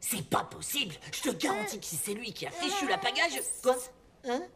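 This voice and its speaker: A woman's voice: a little high, sing-song, a little fast, over a noisy crowd. A woman doing a flustered cartoon schoolboy. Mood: exasperated. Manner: exasperated, defensive. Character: schoolboy, awkward, easily flustered. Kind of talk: French cartoon dub.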